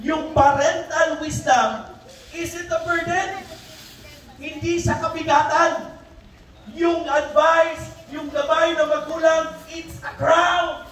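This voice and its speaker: A man's voice: very high-pitched, steady tone, slow, fairly bright tone. A middle-aged man with a Filipino accent preaching to young people with passion, moving freely between Tagalog and English. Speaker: pastor. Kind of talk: sermon. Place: large hall at a youth camp. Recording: echoey hall from far off, faint hiss.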